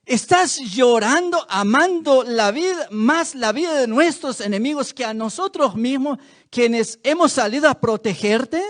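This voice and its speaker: A defiant male army commander scolds in a high, sharply rising voice, as a preacher acts him out. He sounds harsh and indignant. His lines come slowly and pointedly. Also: expressive, fairly bright tone, heavily acted. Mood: scolding.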